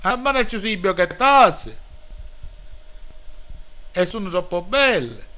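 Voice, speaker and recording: A man's voice: sits high, sing-song, slow, bright, forceful tone, full character voice. A man with a Sicilian accent voicing a bossy, exasperated, coarse Sicilian man in a comic dialect dub, emphatic and scolding. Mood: insistent explaining.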